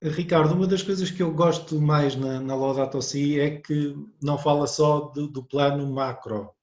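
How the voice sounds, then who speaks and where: A man's voice: a little high, fairly even intonation, moderate pace, a little mellow. A man hosting an interview, asking questions in a thoughtful, conversational way. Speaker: interview host. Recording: roomy, muffled audio.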